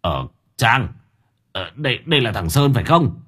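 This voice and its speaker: A man voicing an older village chief who speaks low and haltingly, shaken but in charge. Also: very animated, a bit bright, slightly rough.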